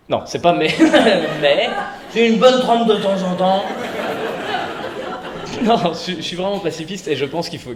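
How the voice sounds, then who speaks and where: A man in his thirties doing a stand-up comedy set in a chatty, rambling, self-mocking way, on stage before a live audience. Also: a little high. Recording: echoey venue with loud noise.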